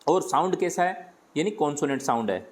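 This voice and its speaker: Teacher voice: man with a Hindi accent, slightly high-pitched, patient step-by-step grammar explanation. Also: lively intonation, brisk. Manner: explains step by step, asks and answers his own questions. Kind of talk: grammar lesson.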